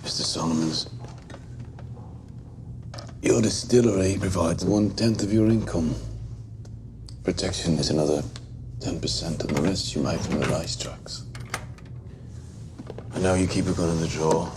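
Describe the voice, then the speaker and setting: Icy Birmingham gang leader, very deep and flat, clipped delivery, noisy soundtrack behind. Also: male voice, moderate pace, pauses often. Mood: cold. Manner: terse, level and controlled, clipped threats. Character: cold, composed Birmingham gang leader, young adult man.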